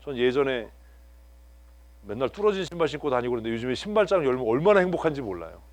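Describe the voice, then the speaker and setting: Male pastor, lively sermon, pitch all over, faint hum behind, Korean. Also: rapid-fire, no room sound. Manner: animated, swings from hushed to loud, laughs often. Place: church sanctuary.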